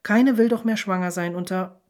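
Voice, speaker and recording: Woman doing brisk pushy reformer lady, insistent, storybook. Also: mid-range voice, darkish tone, lightly acted. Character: brisk reform-minded woman, impatient and sharp.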